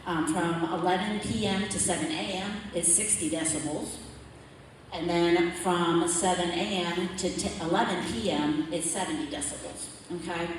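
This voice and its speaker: A woman with a low, steady voice speaks at a moderate pace as she walks a community forum through a plain slide presentation, frequently asking "okay?". The recording picks her up at a distance in a big, echoing meeting hall, with slight background noise.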